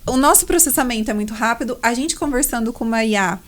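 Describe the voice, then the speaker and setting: A woman with a Brazilian Portuguese accent hosts a podcast conversation, enthusiastic and full of little tag questions. Her voice sits a bit high. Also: quick pace. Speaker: podcast host. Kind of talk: conversational interview.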